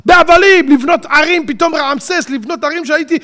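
A man voicing Pharaoh, a king who wails and shouts in regret over the slaves he wasted. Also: very high-pitched, voice pushed up. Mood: wailing lament. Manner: shouting, lamenting, rapid outbursts. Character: wailing male Pharaoh regretting his lost slaves.

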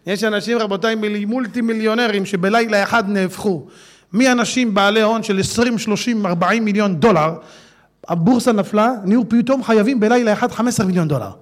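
A man giving an animated sermon to an audience, dropping to a hush and then breaking into loud, laughing exclamations. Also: sits high. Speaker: religious speaker.

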